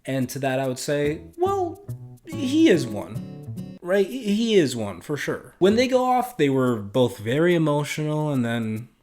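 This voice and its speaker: A man's voice: on the high side, big pitch swings, measured pace, darkish tone, faint music behind. A man hosting an informal, opinionated commentary video in a sardonic, emphatic manner.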